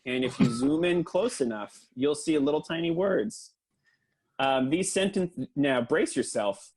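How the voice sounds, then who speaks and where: A man doing an earnest, deadpan mock lecture for a comedy podcast, with lots of hesitant fillers. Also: fairly high pitch, measured pace, husky.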